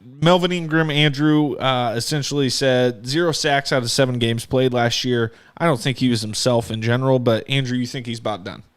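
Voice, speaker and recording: Man, sports podcast co-host, smooth clear voice, upbeat and jokey, casual chat. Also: mid-range voice, fairly even intonation, normal speed.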